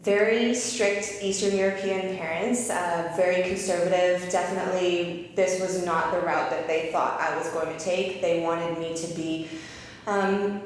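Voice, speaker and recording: A woman's voice: lowish voice, steady tone, a little slow. Woman, thirties, interview guest, open storytelling, long reverb, faint background noise. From Canada (Calgary). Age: 30s. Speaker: interview guest, eyebrow artist.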